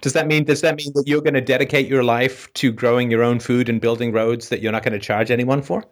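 A man's voice: mid-range voice, steady tone, fast talker. A man hosting a call-in show, blunt and profane, pressing his callers hard.

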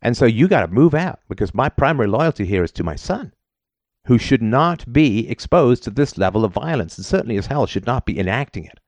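Hosting a call-in advice program, a man raised in Britain talks at length, telling stories and often ending points with "right?". His medium-pitched voice swings widely in pitch, moves briskly, and has a darkish tone, with no room sound.

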